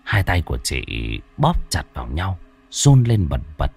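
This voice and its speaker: A man narrating a ghost story in an expressive, dramatic storytelling style. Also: low voice, a little slow, breathy edge.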